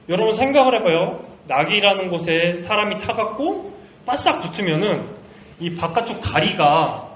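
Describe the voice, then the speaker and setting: A man teaching a children's Bible story, lively and speaking straight to the kids. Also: high voice, slight background noise. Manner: lively, talks to the children directly. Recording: roomy, slightly muffled recording.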